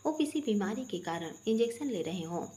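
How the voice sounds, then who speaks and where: A woman's voice: mid-range voice, animated, brisk, mellow, lightly acted. A woman voicing a playful, teasing young woman in a family storybook tale. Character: lively teasing young woman, bride's friend.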